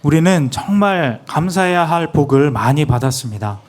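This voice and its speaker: A man's voice: fairly high pitch, lively intonation, normal speed, a little mellow. A man interpreting a sermon phrase by phrase, earnest and plain, with small restarts.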